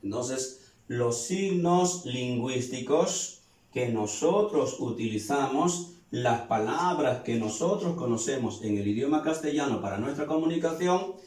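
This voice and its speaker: A man's voice: mid-range voice, expressive, a little slow, a little mellow. A male teacher giving a grammar lesson to students, explaining step by step and asking questions he then answers. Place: classroom. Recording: echoey room, voice far from mic.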